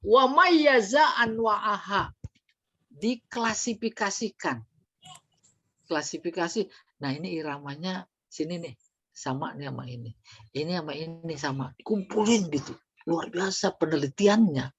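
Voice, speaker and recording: A woman teaching a study lesson, explaining slowly and quizzing her class with questions. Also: sits low. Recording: dull lo-fi recording.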